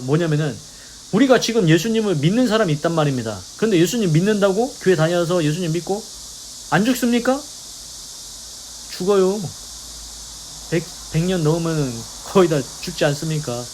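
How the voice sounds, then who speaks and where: A man's voice: a little high, darkish tone, a little hiss or hum, low-quality recording. A man leading a devotional Bible meditation, explaining verses and asking rhetorical questions. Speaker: preacher.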